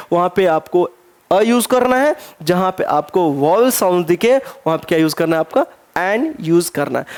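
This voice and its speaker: A man teaching an exam-prep grammar lesson. He spells words out slowly letter by letter, keeps asking himself rhetorical questions and slips English phrases into his explanations. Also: high voice.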